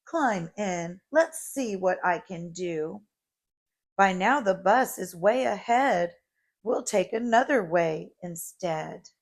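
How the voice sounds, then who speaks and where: A woman's voice: lowish voice, animated, slow, heavily acted. A woman voicing a small, eager, helpful boy truck from a storybook, beeping and encouraging. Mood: reassuring.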